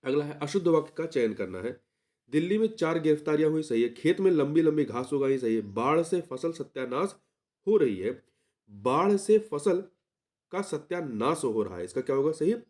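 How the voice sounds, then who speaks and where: A man with a voice a little higher than most works through exam questions one by one. He repeats each key word and corrects himself mid-sentence, like a tutor reviewing answers. His delivery is methodical and explanatory. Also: a little mellow.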